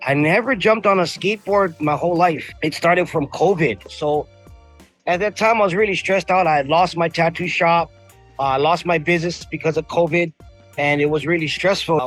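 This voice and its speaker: A man's voice: on the high side, moderate pace, a bit bright, faint music behind. Laid-back slangy man from Hawaii. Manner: laid-back and slangy, drifting through stories with many fillers. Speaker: guest, custom painter and tattoo artist. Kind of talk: casual interview storytelling.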